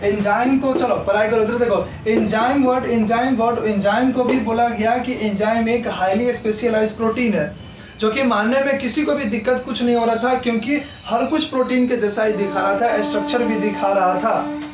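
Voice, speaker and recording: A man lectures from some distance away in a room that echoes around his voice. His voice sits high for a man. He talks straight to his students and repeats each key term as he writes it on the board. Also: fairly even intonation, normal speed, a little hiss or hum. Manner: talks to students directly, repeats key terms while writing. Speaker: teacher. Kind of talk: exam-prep lecture.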